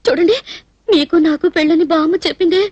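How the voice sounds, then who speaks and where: A woman's voice: very high-pitched, fairly even intonation, quick pace, darkish tone, no echo. An actress playing an innocent, dramatic young woman who pleads and slips into tears, in a dubbed film comedy. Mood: teary.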